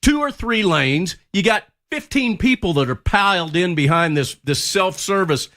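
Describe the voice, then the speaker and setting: A man's voice: high-pitched, animated, moderate pace, sharp tone. A man co-hosting a radio show, complaining bluntly. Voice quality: blunt, ranting, politically incorrect cowboy. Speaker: radio co-host. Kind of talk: casual radio chat. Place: radio studio.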